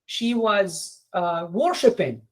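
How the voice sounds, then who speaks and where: A man giving an informal lecture over a video call. He retells a story haltingly, with many restarts. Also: sits high, animated, low-quality recording. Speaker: lodge presenter.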